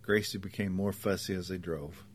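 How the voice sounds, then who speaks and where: A man narrating a story in a measured, even reading voice. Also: sits low, a little hiss or hum.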